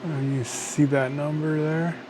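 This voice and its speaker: A slightly high, level-toned American man at a measured pace hosts an electronics teardown video, muttering casual, unscripted, trailing remarks to himself at an indoor workbench. It's a clearly noisy home recording, with him occasionally off-mic.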